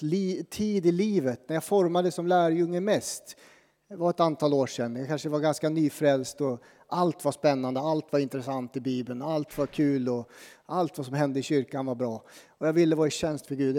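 A man preaching as a pastor, talking in a conversational, self-deprecating way with dramatic pauses. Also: fairly high pitch, mellow. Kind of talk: sermon. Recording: long reverb from a church hall.

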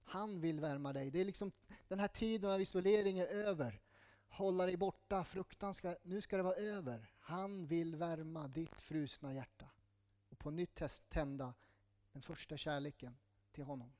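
Man preaching in a casual, personal way. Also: fairly high pitch. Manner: conversational, personal preaching with asides and jokes; softens to a slow hush on tender lines. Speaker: pastor. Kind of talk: sermon.

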